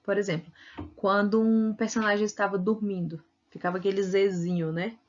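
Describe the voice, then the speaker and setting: A woman's voice: mid-range voice, fairly even intonation, moderate pace, darkish tone, lo-fi sound. A Brazilian woman teacher giving a recorded video lesson, explaining patiently and often checking in with tag questions. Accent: Brazilian Portuguese.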